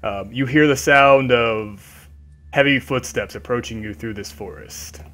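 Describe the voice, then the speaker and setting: A man's voice: mid-range voice, sharp tone. Dry, teasing man as game master. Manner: dry, teasing, unhurried narration. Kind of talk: narrating a tabletop game.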